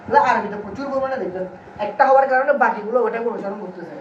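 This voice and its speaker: A man's voice: sits high, racing. Man quizzing a class. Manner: keeps quizzing students, call-and-response drilling. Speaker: Urdu grammar teacher. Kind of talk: classroom lecture. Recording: roomy, distant, dull and slightly noisy.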